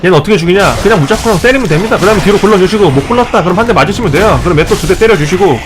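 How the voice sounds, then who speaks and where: A man's voice: high voice, racing, music in the background. Playful man giving mock game tutorials. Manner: excitable outbursts during fights. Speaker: gaming channel host. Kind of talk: let's play commentary.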